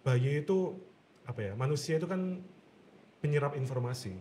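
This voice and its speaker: A man, a guest voice actor, explaining calmly and patiently in a casual chat. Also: a little high, normal speed, slight background noise. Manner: calm, explanatory.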